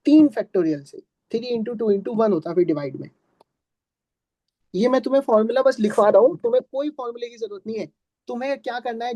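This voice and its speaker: A man's voice: high-pitched, dark tone, no echo. A male teacher giving a live math lesson, who keeps asking his students questions and answering them himself in a patient, talky way. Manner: patient, calls students "beta". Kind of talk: classroom math lecture.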